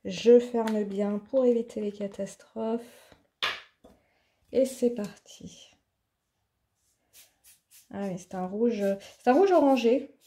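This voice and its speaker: A woman's voice: on the high side, slow, pauses often, warm tone, a little hiss or hum. A woman hosting an art tutorial in her home office, chatting casually and thinking aloud with plenty of fillers as she demonstrates.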